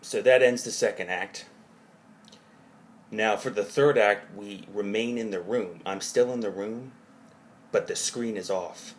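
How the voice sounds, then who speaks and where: A man recounting his own dream in a rambling, halting way, hazy and puzzled as he gropes for details and rephrases himself. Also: lowish voice. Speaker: narrator of own dream journal.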